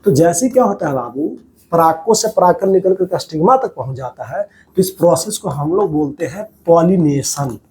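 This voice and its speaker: Mellow-voiced man teaching biology. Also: on the high side, animated, normal speed. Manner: repeats key terms as questions to students, calls them babu. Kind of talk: classroom lecture over diagrams.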